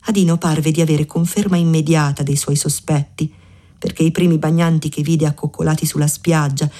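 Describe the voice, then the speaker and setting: A woman narrating a literary audiobook in a measured, even storytelling manner. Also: deep voice.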